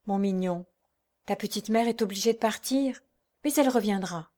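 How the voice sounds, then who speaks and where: A woman voicing a kind lady who speaks softly and tenderly. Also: medium pitch, moderate pace, natural voice. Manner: soft, tender, reassuring. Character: kind grieving lady, the priest's sister.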